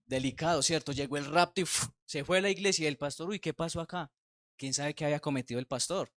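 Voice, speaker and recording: A man's voice: on the high side, quick pace, fairly bright tone, no room sound, studio quality. A man with a Colombian Spanish accent preaching a conversational sermon as pastor, sometimes acting out the voices he quotes.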